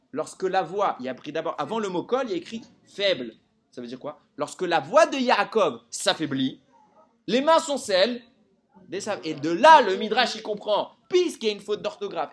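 Male Torah teacher addressing a live group, somewhat high-pitched, very expressive delivery, constantly quizzing his listeners. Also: normal speed. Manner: animated, quizzes listeners with rhetorical questions.

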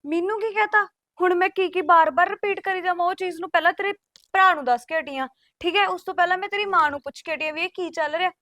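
A woman's voice: very high voice, fast talker, bright, forceful tone, no echo, studio quality. An actress playing an exasperated sister-in-law in a Punjabi village drama, insisting a woman be thrown out of the house. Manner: insistent, complaining. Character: fed-up sister-in-law demanding eviction. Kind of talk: rural village drama acting.

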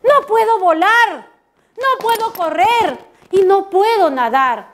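A woman voicing an excitable little male rabbit in a storybook tale, with high, drawn-out exclamations. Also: full character voice. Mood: pleading.

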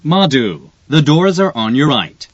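A man's voice gives a train announcement over an onboard speaker, formal and carefully enunciated. He speaks extremely slowly, with a slightly husky tone and lively rises and falls in pitch. The recording is dry and muffled. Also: no room sound. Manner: formal, deliberate, clearly enunciated. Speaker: subway announcer.

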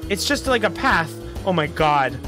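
A man's voice: on the high side, very animated, normal speed. A young man giving casual, joking, sweary gameplay commentary as a streamer. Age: young adult. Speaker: game streamer. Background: game music.

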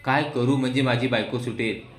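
A man voicing a young husband in a family serial retelling, heated and accusing, his voice pushed up and loud. He is recorded in a roomy, echoing space. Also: mid-range voice, steady tone, moderate pace, close to an everyday voice. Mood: angry. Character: angry young husband, grieving jailed wife.

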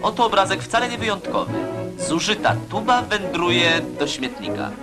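A man gives old newsreel narration in a high, animated voice. His tone is lightly mocking. Loud music plays under the whole voice-over. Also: moderate pace.

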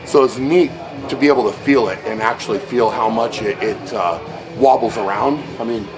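A man's voice: medium pitch, moderate pace, music in the background, poor audio. A man in his thirties talking casually in a gym as a strongman vlogging his training, with hesitant, trailing phrasing. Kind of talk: casual chat. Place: indoor gym.

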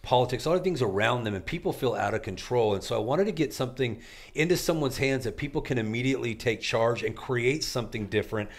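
A man talking as an author and life coach guest, with an energetic, preacher-like delivery and punchy repeated phrases. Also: medium pitch, fast talker. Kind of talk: motivational interview talk.

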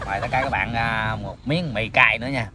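A man's voice: lowish voice, a little fast, background noise. A man in his thirties with a southern Vietnamese accent chats casually to viewers while eating, his mouth burning from spicy food. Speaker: mukbang host. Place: outdoors in greenery, sitting on the ground. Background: music.

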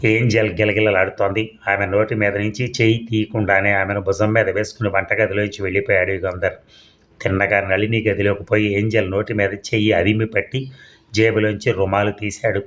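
A male storyteller reading a suspense tale aloud. His voice sits on the low side, and he keeps a steady, measured pace with the odd small slip. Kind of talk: scripted narration of a suspense story.

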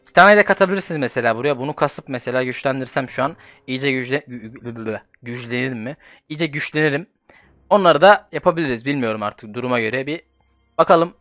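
A man's voice: mid-range voice, fairly bright tone, dry recording. A man casually commenting on a mobile game he plays, slangy, swearing, with bursts of frustration. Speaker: gaming YouTuber.

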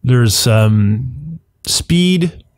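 This gaming channel host speaks extremely slowly yet animatedly, his mid-range voice carrying a darkish tone, recorded with clean studio sound and no room sound. Congested from the flu, he rambles through casual commentary on a video game, thinking aloud and revising what he says.

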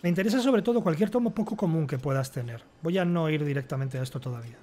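A man's voice: fairly high pitch, lively intonation, fast talker, dark tone, a little hiss or hum. A man with a Castilian Spanish accent reading game text aloud and commenting casually, with wry asides. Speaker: gamer playing and commenting.

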